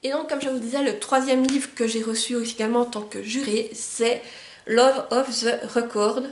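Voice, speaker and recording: A woman with a slightly high voice talks through her new books in a relaxed, eager vlog. She often stops to read a back-cover summary aloud. The room around her sounds roomy and echoey. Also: fairly quick, slight background noise. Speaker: book vlogger. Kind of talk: casual book haul vlog. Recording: roomy echo.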